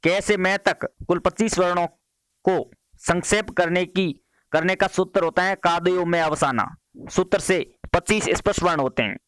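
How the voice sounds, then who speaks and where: A man running a quiz-style grammar lesson for exam students, his voice sitting a little high. He reads out each question with its options, then repeats it and settles the answer, moving briskly from one question to the next. The sound is dry and close. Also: fairly bright tone, no room sound. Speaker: exam-prep teacher.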